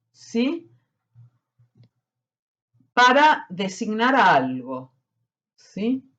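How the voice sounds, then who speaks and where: A woman teaches at an unhurried, measured pace, pausing to check in with her listeners. Her voice sits at an everyday middle pitch. The recording sounds dull and slightly lo-fi. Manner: deliberate, often checks in with "¿sí?". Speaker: spiritual teacher. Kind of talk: slow explanatory teaching talk.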